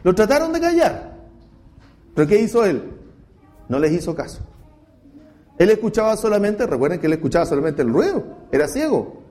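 Male pastor, sermon delivery; high, lively, warm voice; acts out quotes. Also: moderate pace, pauses often. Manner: preaching, swinging between loud cries and hushed asides.

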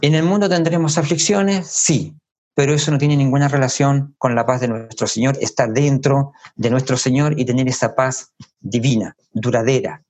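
A man preaching a sermon in a measured way, repeating key phrases for emphasis and pausing to think aloud. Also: medium pitch, a little mellow.

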